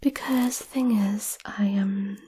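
A woman doing a whispered role-play as a gentle, caring witch, soothing and a little hesitant, close to the microphone. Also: medium pitch, fairly even intonation, slow pace. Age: 20s. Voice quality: breathy whisper. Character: gentle, caring centuries-old witch offering potions. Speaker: ASMR performer. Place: small candlelit indoor room.

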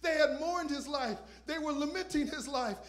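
At a normal speed, a visiting pastor with a strikingly high voice gives a sermon on a church stage lit in purple, using a handheld microphone. He alternates between shouted proclamations and hushed, almost whispered remarks.

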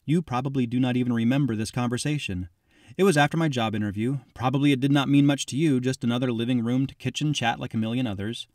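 A man's voice: medium pitch, fast talker, a little mellow, no room sound, studio quality. A man narrating a first-person audiobook in a reflective, confiding way. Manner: reflective, confiding, addressing the listener as "you".

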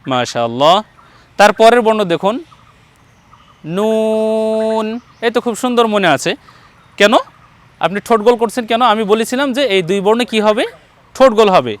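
A man's voice: high-pitched, lively intonation, fast talker, long pauses, dry recording. A man teaching Quran recitation one-on-one, patiently modelling each letter sound and encouraging his student. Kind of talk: patient one-on-one pronunciation lesson.

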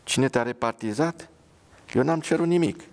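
A man's voice: low-pitched, animated, vocal fry, darkish tone. A man voicing a bitter, paralysed young soldier who speaks angrily and sarcastically. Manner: angry, sarcastic.

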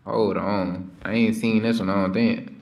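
Low gravelly dude on a game call, chill and easygoing. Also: male voice, flat delivery, moderate pace, darkish tone. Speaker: friend joining a game stream. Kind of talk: casual chat over voice call.

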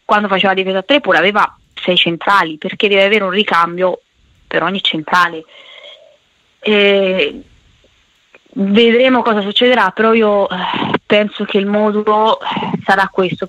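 A woman talks through football tactics as a pundit on the radio. Her voice is bright and forceful, and the recording is dry and close, in a conversational style. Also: mid-range voice, steady tone, moderate pace, no room sound, low-quality recording.

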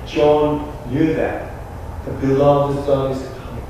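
A young man with a Korean accent, a pastor delivering an earnest, emphatic sermon with deliberate pauses. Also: medium pitch, little pitch movement, mellow, slight background noise. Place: small church sanctuary. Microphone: room mic from a distant camera. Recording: echoey church from far off.

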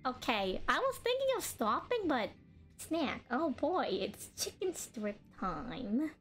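A woman's voice: sits high, very animated, slow pace, soft background music. A woman streaming a card game, chatting casually and bubbly, laughing often and talking while she eats.

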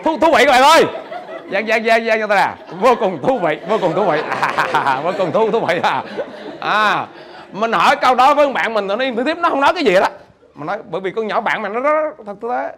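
A middle-aged man from Vietnam, giving an animated, joking seminar talk as a business trainer, repeating words and questioning his audience. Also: high voice, a little fast.

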